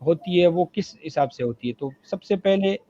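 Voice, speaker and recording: A man's voice: sits high, lively intonation, normal speed, mellow, dry recording, muffled recording. A man with a Pakistani Urdu accent, a gemstone dealer explaining stones in casual chat, hesitant, with many fillers and restarts, on a live video call.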